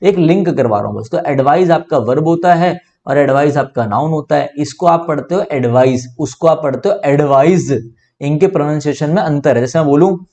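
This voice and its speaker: Lively Indian male grammar teacher. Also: a little high, fairly quick, few pauses. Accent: Indian English. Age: young adult. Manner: explains step by step, keeps asking and answering his own questions. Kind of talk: online grammar lesson.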